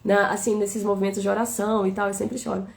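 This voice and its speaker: A woman's voice: medium pitch, little pitch movement, fast talker, vocal fry. A woman with a Brazilian Portuguese accent giving a tender, flowing spiritual talk on a live stream, often asking "né?".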